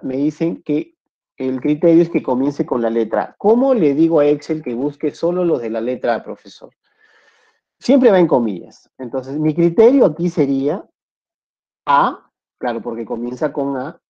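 A man's voice: fairly high pitch, sing-song, normal speed. A man with a Peruvian Spanish accent teaching a recorded Excel lesson, often repeating points and checking in with "correcto". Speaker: Excel instructor. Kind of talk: screen-recorded software tutorial. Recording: dull lo-fi mic.

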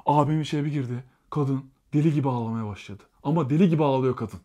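A young man telling a personal story to his vlog viewers, acting out what people said in a lively way. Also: quick pace, highs cut off. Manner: animated, acts out quotes with rising pitch. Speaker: vlogger.

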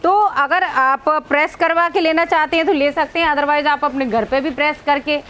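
High-voiced woman hosting a warehouse tour. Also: fairly even intonation, normal speed, fairly bright tone, a little hiss or hum. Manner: upbeat, addressing viewers as friends. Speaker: host. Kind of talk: business video interview. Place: large clothing warehouse indoors. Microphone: clip-on lapel mic.

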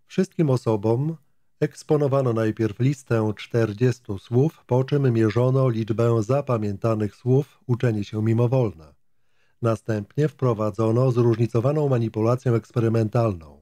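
A man reading a nonfiction psychology text aloud in a steady, measured way. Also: mid-range voice, no room sound. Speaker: audiobook reader.

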